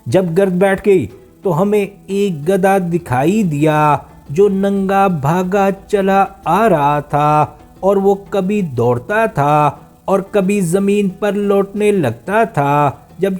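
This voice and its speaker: A frightened female duck recounts her tale in a storybook telling, as a man reads her part. The voice sits high and the reading stays measured, easing down at the ends of sentences, with faint instrumental music beneath. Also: a little mellow, lightly acted. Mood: urgent. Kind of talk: storybook narration.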